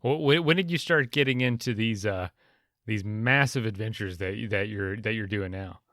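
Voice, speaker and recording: A man's voice: lowish voice, moderate pace, a bit bright, no room sound, studio quality. A man hosting a podcast, introducing and interviewing a guest in a casual, upbeat way. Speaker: podcast host.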